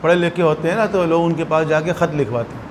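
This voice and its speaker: High-voiced Urdu-speaking religious scholar. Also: male voice, fairly even intonation, noisy background. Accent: Pakistani Urdu. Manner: explanatory, acts out little anecdotes. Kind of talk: religious lecture.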